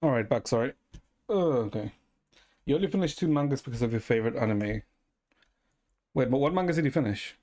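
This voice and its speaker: Talking fast but with long pauses, a man from Ecuador rambles casually and swears freely to his live stream viewers over background music. His mid-range voice is expressive and a little mellow.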